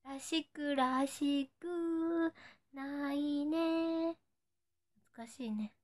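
A young woman with a Nagoya accent talks very slowly in a high-pitched voice during a relaxed live stream. Playful, she says the short cute phrases her fans ask for.

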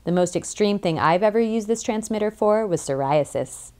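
A woman's voice: mid-range voice, lively intonation, normal speed, darkish tone, clear, resonant tone, pitched above the performer's own voice, lightly acted. Audiobook: blunt easygoing male clone, woman narrator doing him. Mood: offhand.

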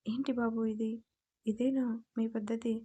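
A woman's voice: on the high side, little pitch movement, unhurried, dark tone, breathy edge. A woman voicing a furious middle-aged mother-in-law who scolds harshly in a storybook reading.

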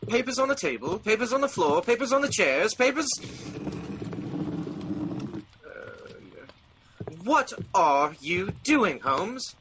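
An actor playing a fussy, exasperated but good-natured gentleman doctor in a radio drama, with a declamatory, animated manner. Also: sits high, a little slow, background noise.

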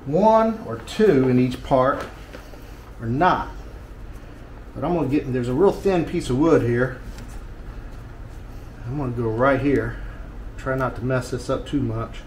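With a medium-pitched, somewhat mellow voice, a vlog host in his fifties with an American accent does a DIY demonstration in a small living room with tiles. He keeps things casual, folksy and joking, musing aloud as he goes. The handheld action camera's distance varies, and the recording is echoey with clear background noise.

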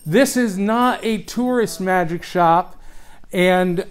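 A man's voice: high-pitched, slow, smooth. An eager man hosts a casual road-trip video and greets his guest with upbeat energy. Faint music plays beneath his voice. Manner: upbeat, enthusiastic introductions. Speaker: show host. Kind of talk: casual vlog hosting.

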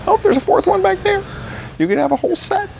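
A man vlogging casually as he walks through a large indoor antique mall, excitable and exclaiming often, recorded on a handheld camera. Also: very high-pitched, fast, gravelly, a crowd in the background. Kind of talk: casual walk-around vlog. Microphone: handheld camera held while walking.

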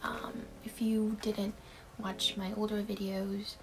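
In her bedroom, a Taiwanese vlogger in her twenties answers questions to camera in a relaxed way, using frequent fillers and giggling now and then. Her mid-range voice is level and slow, with music in the background and a rough recording.

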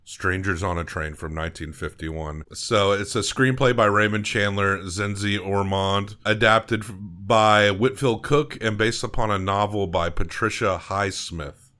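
A man's voice: on the low side, measured pace. A man in his thirties co-hosting a film podcast, chatting casually from a small home studio into a desk mic. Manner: relaxed, chatty, informal. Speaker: podcast co-host. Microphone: desk microphone.

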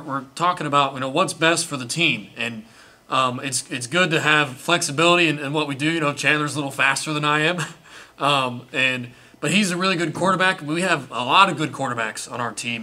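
Earnest young man, bright voice. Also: a little high, fairly quick. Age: young adult. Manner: earnest, grateful, many restarts. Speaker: college quarterback. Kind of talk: post-game press interview. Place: indoor press room before sponsor backdrop.

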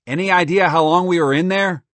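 A man voicing a chatty, bold little male squirrel in a storybook, talking loudly and excitedly. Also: high voice, fairly quick, dry recording, pitched above the performer's own voice. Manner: loud, excitable and boastful. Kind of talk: storybook voice acting.

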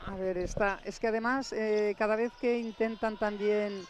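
A woman giving live basketball analysis as color commentator, thoughtful and halting, with many fillers. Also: mid-range voice, steady tone, background noise.

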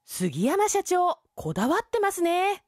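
A woman reading scripted voice-over narration for a variety show, in a bright announcing manner. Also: very high-pitched, wildly swooping pitch, unhurried, a little hiss or hum.

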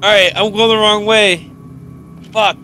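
A man's voice: high voice, steady tone, unhurried, sharp tone, faint music behind. A man in his thirties giving jumpy, sweary commentary on a horror game into a headset mic. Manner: jumpy, exclaiming, swears freely. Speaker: gaming video host.

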